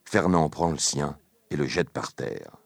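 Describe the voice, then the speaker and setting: Very deep-voiced man narrating. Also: measured pace, creaky, no room sound. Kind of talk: scripted audiobook narration.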